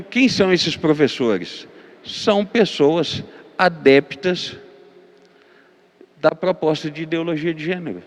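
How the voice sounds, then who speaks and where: The sound is that of a big room, where a Brazilian man with a slightly high voice and a Minas Gerais accent teaches as a pastor in lecture style. He wavers with fillers and repeated words, then makes his case through emphatic lists.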